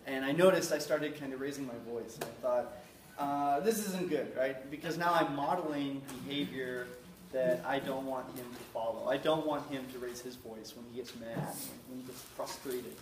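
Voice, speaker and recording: Guest speaker, male, mid-pitched, chatty and rambling, roomy classroom sound from far off. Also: moderate pace, a little hiss or hum. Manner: chatty, rambling, many fillers. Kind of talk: casual talk to a class.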